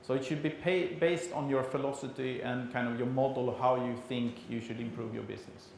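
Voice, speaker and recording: A man from Sweden with a Swedish accent gives an explanatory conference presentation in a halting delivery, as a non-native speaker. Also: mid-range voice, fairly even intonation, vocal fry, darkish tone. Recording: very echoey room, faint background noise.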